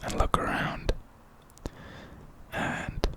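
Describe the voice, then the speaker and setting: A man giving a whispered pep talk in ASMR style, speaking in a breathy, unvoiced whisper with an encouraging, reflective manner. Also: very slow. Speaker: ASMR creator.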